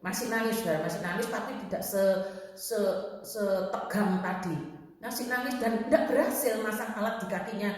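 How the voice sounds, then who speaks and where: A woman's voice: mid-range voice, normal speed. A woman preaching, retelling a story with feeling and addressing her listeners directly. Her voice sits in the middle range and rings through a very echoey church hall with a long, lingering reverb. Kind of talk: sermon with a retold story.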